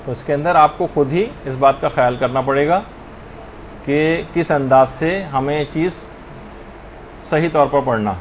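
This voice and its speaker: High-voiced man teaching Quran recitation. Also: a little hiss or hum. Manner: slow chanted demonstrations of verses. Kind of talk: religious lesson on recitation.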